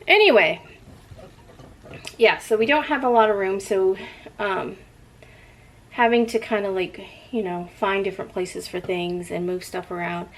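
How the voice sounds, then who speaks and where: A woman's voice: mid-range voice, measured pace, long pauses, a bit bright, a little hiss or hum, low-quality recording. A middle-aged woman vlogger chatting casually in a rambling way, drifting off and picking the thread back up.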